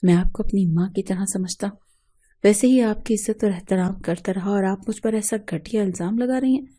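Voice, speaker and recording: Brief: woman voicing a desperate husband, indignant, pleading, dark mellow tone. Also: medium pitch, close to an everyday voice. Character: distraught husband denying a false accusation.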